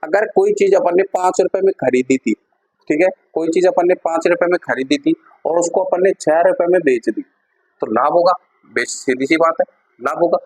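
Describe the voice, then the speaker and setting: A male maths teacher talks students through a lesson one step at a time. His voice is a little husky and sits slightly high. He stops often to check that the class is following. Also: moderate pace, a little mellow, poor audio. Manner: repeats steps, keeps checking in with students.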